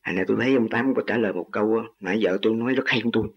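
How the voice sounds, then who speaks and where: An older man speaks formally and humbly, slipping in self-deprecating jokes. His voice is low and husky. The recording is dull and lo-fi. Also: very fast. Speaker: husband of a student. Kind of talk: formal respectful speech.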